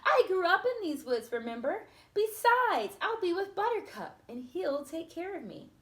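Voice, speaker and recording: A woman voicing a cheerful, confident young fairy-tale princess in a children's storybook, gentle and playful. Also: very high-pitched, very animated, normal speed, reverberant, voice pushed up, exaggerated voice. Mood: playful, reassuring. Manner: bright exclamations, gentle and playful.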